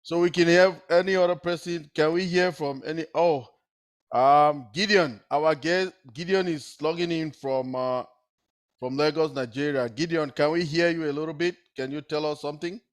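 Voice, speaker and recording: A man hosting an online call, excited and effusive as he thanks speakers and calls on guests. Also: fairly high pitch, moderate pace. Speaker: webinar host.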